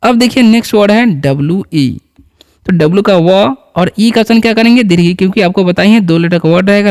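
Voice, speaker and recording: A man's voice: high-pitched, darkish tone. A man teaching a beginner English lesson, patiently repeating each word and quizzing the viewer. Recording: long hall reverb.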